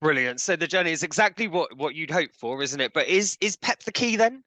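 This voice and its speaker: A man's voice: a little high, lively intonation, a little fast, bright, forceful tone, no room sound. A man asking questions casually as an interviewer.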